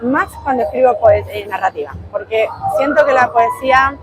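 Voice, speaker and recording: A woman's voice: fairly high pitch, normal speed, heavy background noise. An Argentine woman poet with an Argentine Spanish accent, speaking as an interview guest in a reflective way, often searching for words and repeating phrases. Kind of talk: interview conversation.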